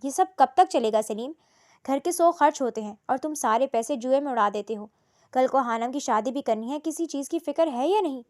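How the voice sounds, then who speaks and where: A woman's voice: high voice, darkish tone, close to an everyday voice. A woman voicing a stern, worried middle-aged mother who speaks firmly and reproachfully in a storybook reading.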